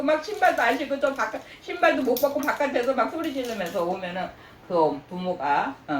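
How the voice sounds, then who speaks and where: A woman pastor preaching a sermon, animated, often asking the congregation questions and acting out God's praise in a high voice. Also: slight background noise. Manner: asks the congregation questions, prompting with "예?". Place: church sanctuary. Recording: echoey church room, voice from a distant mic.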